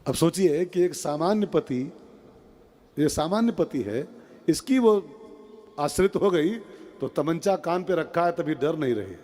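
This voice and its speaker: A man's voice: on the high side, measured pace, pauses often, long reverb tail. A man giving a devotional discourse, telling stories with acted-out dialogue and asking the audience questions. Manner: animated storyteller, acts out dialogue, asks the audience questions. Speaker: preacher.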